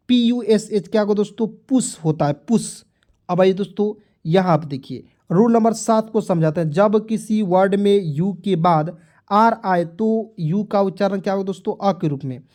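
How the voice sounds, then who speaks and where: Man teaching pronunciation, mellow voice. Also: high voice. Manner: repeats words slowly, often asks the viewers what the word reads; addresses viewers as friends over and over. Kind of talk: spoken lesson explaining spelling rules.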